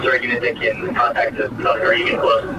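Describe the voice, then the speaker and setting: A police officer over a police radio, giving terse, clipped call-outs of streets and speeds during a pursuit. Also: male voice, medium pitch, completely flat delivery, fairly quick. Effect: heard over a police radio. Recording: distant, very noisy radio transmission.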